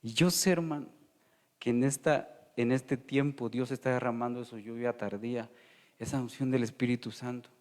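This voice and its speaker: A man with a Guatemalan Spanish accent preaching a sermon, calling his listeners "hermano" and moving between loud emphasis and hushed asides. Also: mid-range voice, steady tone, normal speed, long reverb tail.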